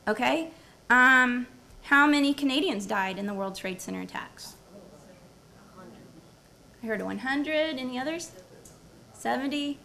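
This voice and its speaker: A woman professor at a university symposium starts with a prepared talk, then quizzes her live audience and repeats what they answer. Her voice sits high with lively intonation and a sharp tone, moving at a measured pace with vocal fry and long pauses.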